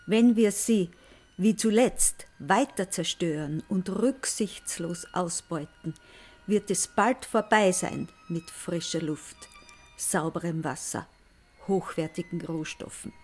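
An older woman giving a measured scripted appeal with emphatic listing, as an elderly climate activist. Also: fairly low pitch, darkish tone, breathy edge, faint music behind.

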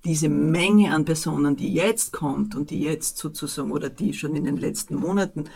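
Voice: mid-range voice, moderate pace, vocal fry, a little mellow, slightly rough. A city official with an Austrian accent answering interview questions, hesitating often with fillers.

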